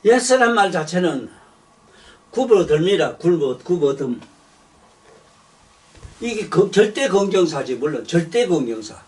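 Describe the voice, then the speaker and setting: A man's voice: on the high side, sing-song, a little slow, pauses often, a little mellow, distant mic. An older man giving a blunt, rambling sermon, swearing and repeating himself. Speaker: preacher.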